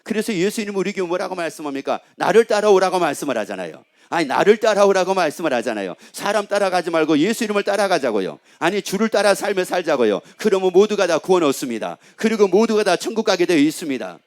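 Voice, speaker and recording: A man preaching a sermon with a high, lively voice that climbs and falls a lot. He keeps asking the congregation questions and repeats his phrases in long rolling lists. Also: fast talker, few pauses. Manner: rhetorical questions and repetition. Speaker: pastor.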